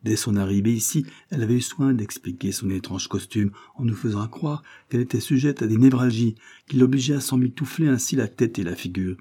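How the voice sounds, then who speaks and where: Man voicing a brisk, sensible woman. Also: medium pitch, mellow, husky, close to an everyday voice. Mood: explaining. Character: sensible woman explaining events.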